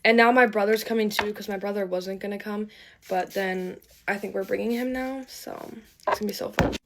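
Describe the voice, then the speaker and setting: A woman's voice: mid-range voice, fairly even intonation, brisk, background noise. A woman chatting casually to viewers in a get-ready-with-me vlog, gushing and upbeat as she signs off. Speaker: vlogger.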